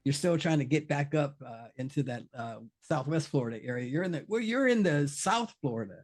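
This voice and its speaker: A man hosting a podcast interview, relaxed and rambling, often repeating words. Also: on the high side, fairly quick, soft background music. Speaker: podcast host. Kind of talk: casual interview.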